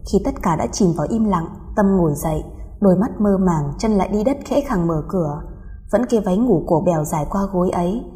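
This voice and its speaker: A woman reads an audiobook story aloud. Her voice is mellow and warm. Her delivery is steady and even. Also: mid-range voice. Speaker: narrator.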